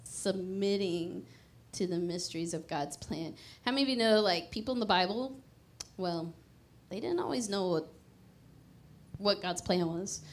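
A woman's medium-pitched voice, a little slow, carries a conversational yet emphatic sermon through a handheld mic on a church stage. At times she drops down to a hushed prayer.

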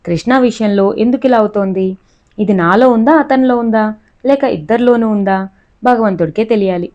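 A woman's voice: fairly high pitch, normal speed, lo-fi sound. A woman steadily reading a novel aloud, voicing the first-person narrator and her dialogue. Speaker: audiobook reader.

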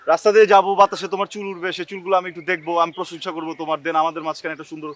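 A man's voice: sits high, fairly even intonation, very fast, fairly bright tone. A man performing in a scripted comedy skit, talking in a blustering, dramatic, pleading way.

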